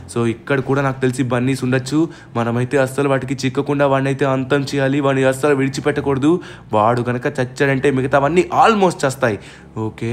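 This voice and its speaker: A man narrating his own game story with excitement, loudly exclaiming and hurling dramatic threats at his foes. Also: medium pitch, a little hiss or hum. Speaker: gaming channel narrator and player.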